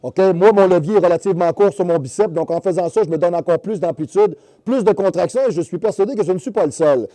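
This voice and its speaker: A man's voice: high-pitched, fast talker, hardly any pauses, mellow. A man hosting a fitness show in a Québécois French accent, mixing coaching with crude, teasing jokes. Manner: joking, crude, teasing asides; instructive coaching during exercise demo. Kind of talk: comedic fitness show monologue.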